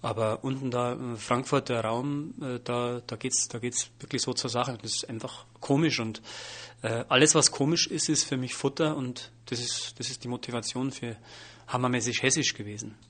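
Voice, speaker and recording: Man, from Bavaria, comedian, casual interview answers, animated, restarts and fillers, mid-pitched voice. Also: normal speed. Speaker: comedian and wordplay artist.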